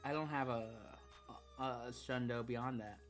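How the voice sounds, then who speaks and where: A man chatting casually on a game stream, easygoing and quick to laugh. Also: medium pitch, steady tone, faint music behind.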